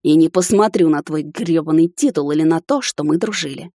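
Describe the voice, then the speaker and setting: A woman's voice: low voice, fairly quick, warm tone, no echo, studio quality. A woman voicing a huge, jealous male captain who growls his threats. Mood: furious.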